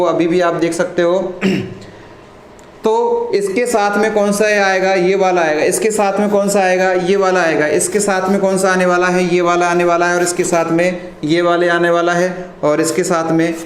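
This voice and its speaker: A man teaching a live online lesson, asking the class questions and answering them himself, often clearing his throat. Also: sits high. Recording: echoey room with faint noise.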